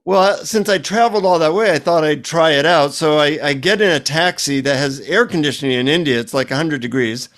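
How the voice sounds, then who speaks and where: A man's voice: a little high, brisk, few pauses. A man, a psychotherapist and author, telling humorous stories in a casual interview. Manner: lively anecdotal storyteller, humorous asides.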